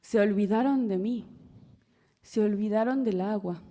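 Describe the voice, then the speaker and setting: A woman's voice: mid-range voice, measured pace, warm tone, lightly acted. A woman voicing a proud, offended motherly spirit of rain who speaks in an indignant, aggrieved way. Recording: long hall reverb.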